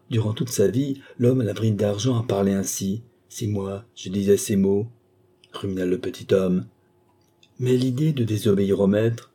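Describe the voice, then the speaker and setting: A male narrator reads a fantastic short story as an audiobook, in a measured, even storytelling manner. His voice is low and dark, with a husky, slightly breathy grain. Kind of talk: audiobook reading of a fantastic tale.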